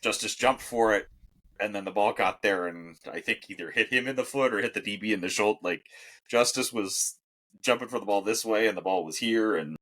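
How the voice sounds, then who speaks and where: A man's voice: fairly low pitch, a little fast, a bit bright. A young man co-hosting a casual sports podcast, emphatic and profane when he gets worked up. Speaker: podcast co-host.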